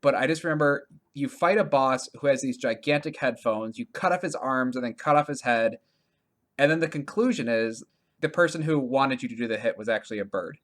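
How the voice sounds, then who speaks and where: Here a podcast co-host chats about video games in a relaxed, meandering way, often breaking into laughter. He has a medium-pitched, slightly bright voice and speaks a bit fast.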